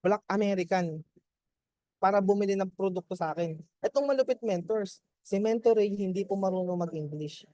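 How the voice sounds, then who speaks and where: Mellow-voiced man giving a chatty testimony. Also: sits high, moderate pace, no room sound. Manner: chatty, keeps checking in with "di ba?" and laughs. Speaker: mentor giving a testimony to his team. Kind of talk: Taglish motivational testimony.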